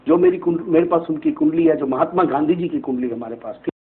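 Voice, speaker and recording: A man's voice: on the high side, fast. A man, an astrologer guest on a TV interview, explaining at length in a preachy way and often asking "right?" to seek agreement. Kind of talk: TV interview answers. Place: TV studio. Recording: tinny phone-like band, faint hiss.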